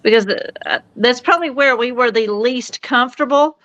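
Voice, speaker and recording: A woman's voice: on the high side, normal speed, fairly bright tone, dull audio. A woman, chatting casually as co-host of a paranormal podcast from home. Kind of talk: casual chat. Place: home bedroom.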